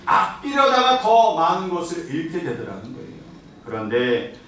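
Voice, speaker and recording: Brief: high-pitched male pastor, animated storytelling sermon, reverberant hall, mic far off. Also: moderate pace, a little hiss or hum. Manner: lively storytelling, frequent "예?" to the congregation. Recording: echoey church hall from afar.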